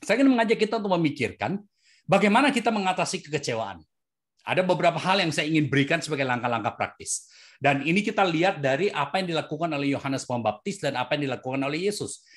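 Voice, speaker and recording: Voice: animated, fast talker. A preacher from Indonesia giving a chatty, conversational sermon, often asking the listeners "right?" as the voice rises and drops. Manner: swings between high and low pitch.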